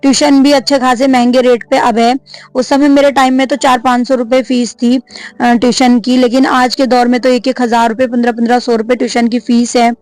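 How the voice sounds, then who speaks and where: A woman's voice: a little high, little pitch movement, fairly quick, darkish tone, no room sound. A woman in her thirties, a vlogger and mother, chatting casually to camera, many fillers, and a complaining tone.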